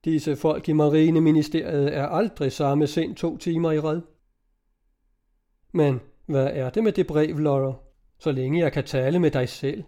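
A man's voice: fairly high pitch, dark tone, close to an everyday voice. A man reading a hearty young sailor. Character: young naval officer, hearty and forthright.

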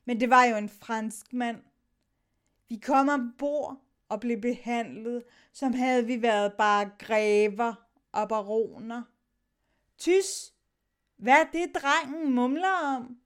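A woman with a high-pitched voice reads a sailors' story aloud. She shifts her tone as she moves between the sailors' lines. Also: clear, resonant tone. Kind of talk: dramatic reading of a sea story.

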